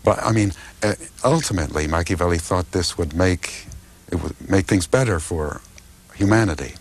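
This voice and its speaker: An older American man with a very deep voice answers interview questions at a normal speed. He is a political philosopher and translator, and he speaks thoughtfully but hesitantly, with many fillers and restarts.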